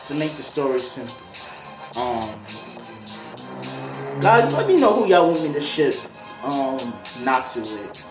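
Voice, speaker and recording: An unhurried video host with a mid-range voice and big pitch swings pauses often as he tells a casual, slangy, improvised story that rambles into tangents. Roomy echo colors the recording, with a music beat behind him.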